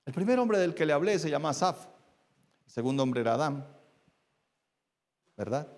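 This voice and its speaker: A man's voice: on the high side, expressive, moderate pace. Preaching man in a reverberant church. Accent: Colombian Spanish. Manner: preaching with rising intensity, then quieter and confiding. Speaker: pastor. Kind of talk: sermon. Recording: long church hall reverb.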